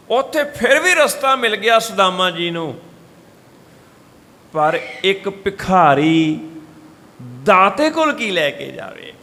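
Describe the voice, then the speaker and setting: Telling stories in a storytelling manner, a katha preacher gives a Sikh scripture exposition with sung verses inside a large gurdwara hall. His voice is high-pitched and sharp, and he changes it to portray the people he quotes.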